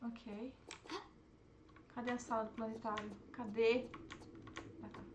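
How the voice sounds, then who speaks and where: A young woman, streaming herself playing a game and reacting with excitable, panicky outbursts. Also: on the high side, takes it slowly, background noise. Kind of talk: live gameplay commentary.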